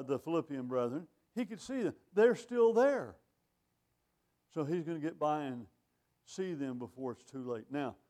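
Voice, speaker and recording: An older male preacher with a somewhat high voice delivers a sermon. He talks in a conversational, wry way, reading scripture aloud and asking rhetorical questions. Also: a little mellow. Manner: reads scripture in older phrasing.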